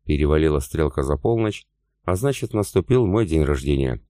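Deep low guy narrating an audiobook first person, matter-of-fact, dry close mic. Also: animated, fairly quick, warm tone, no room sound.

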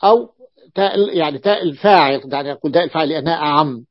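A man's voice: on the high side, rapid-fire, dry recording. A man teaching a grammar class as a sheikh. He repeats each point and stretches out example words for his students. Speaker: sheikh teaching Arabic morphology. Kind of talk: classroom lesson. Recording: dull lo-fi dry recording.

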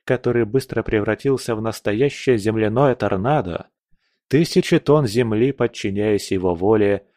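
Low-voiced male audiobook narrator. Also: darkish tone, dry recording, clean studio sound. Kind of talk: scripted fantasy narration.

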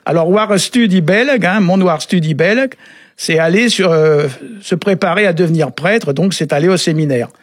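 Male radio language expert, husky and halting, very dry sound. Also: sits high, dry recording. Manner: halting, often adds "hein" and "euh". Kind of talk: relaxed explanatory radio chat.

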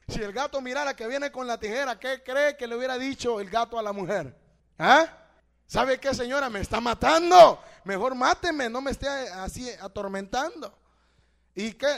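A male preacher with a strikingly high voice delivers a fervent sermon. He swings from loud exhortation to hushed storytelling. He keeps calling the listeners brother and asking them questions. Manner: addresses listeners as brother, asks rhetorical questions. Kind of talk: evangelical sermon.

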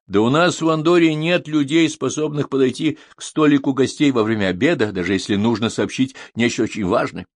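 A man's voice: mid-range voice, fairly quick, hardly any pauses, no room sound, clean studio sound, voice pushed up, natural voice. A man reading an audiobook, voicing an elderly male waiter who is nervous yet dignified and earnest. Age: older. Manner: earnest, defensive.

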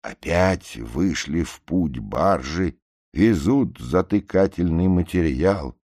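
A man reading a satirical tale aloud, acting out the characters' cries and arguments with much higher voices. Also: expressive, takes it slowly, no echo, clean studio sound. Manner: acts out the shouting passengers and officer with much higher voices. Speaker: narrator.

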